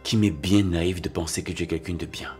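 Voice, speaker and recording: An actor playing a stern Cameroonian husband. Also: male voice, low-pitched, fairly even intonation, a little fast, faint music behind, natural voice. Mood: rebuffing. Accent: Cameroonian French. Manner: firm, scolding, commanding. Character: stern middle-aged husband, head of the house. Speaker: husband defending his wife.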